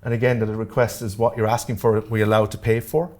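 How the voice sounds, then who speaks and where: A man's voice: lowish voice, level tone, fast, a little mellow. Irish man giving a grants workshop. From Ireland. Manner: direct, joking asides, checks in with the audience. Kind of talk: workshop lecture to a live audience. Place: community centre meeting room.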